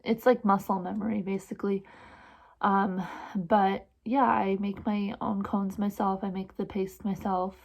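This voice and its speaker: A woman's voice: medium pitch, level tone, unhurried, gravelly, a little mellow, highs cut off. A woman in her twenties with a mixed Trinidadian and New Jersey accent, answering viewer questions in a casual, self-deprecating vlog. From born in Trinidad and Tobago, raised in New Jersey. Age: 20s. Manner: self-deprecating and giggly, with filler-heavy rambling. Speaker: vlogger and photographer.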